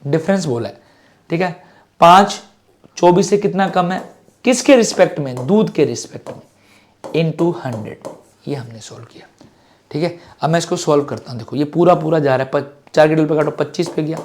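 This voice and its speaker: A middle-aged man with a Hindi accent works through exam maths in a fairly high voice. His throat is a little sore. He keeps asking questions as if he were a student, then answers them himself. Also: lively intonation, moderate pace, darkish tone, a little hiss or hum. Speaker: maths teacher. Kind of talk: exam-prep maths lecture.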